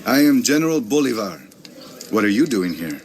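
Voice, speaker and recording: An actor playing a proud, earnest South American revolutionary general in a video game, formal and commanding. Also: male voice, lowish voice, sing-song, normal speed, a little hiss or hum. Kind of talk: dramatic video game voice acting.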